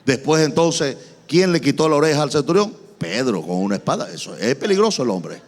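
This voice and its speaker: A male pastor with a Venezuelan accent preaching a dramatic, animated sermon in a large church. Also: mid-range voice, fairly quick. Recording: long church-hall reverb, faint music.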